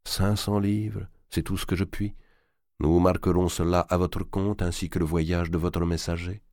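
A man reading aloud, voicing an old, cunning banker who speaks slowly and in a measured way. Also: low-pitched, little pitch movement, darkish tone, no echo, clean studio sound. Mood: sighing. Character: old cunning male banker, tender with his nephew.

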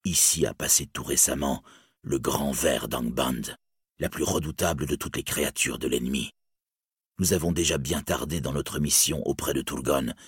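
A wary elf guide speaks low and solemn, heavy with dread, as a man reads him. The voice is very deep and husky. The sound is close and dry. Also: moderate pace, no room sound, full character voice. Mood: urgent.

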